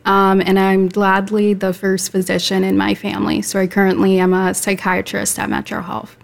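A woman's voice: medium pitch, completely flat delivery, moderate pace, gravelly. A woman in her twenties, a psychiatrist on a panel, speaking confidently and articulately. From United States. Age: 20s. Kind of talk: casual discussion.

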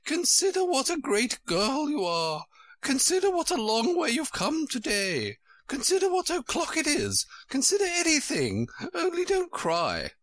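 A man voicing a flustered, bossy old queen from a storybook, kindly and dotty, in a shrill, squeaky, insistent way. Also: wildly swooping pitch, a bit bright, dry recording, heavily acted. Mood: despairing, pleading. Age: older. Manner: exclamatory, insistent, drawn-out delivery.

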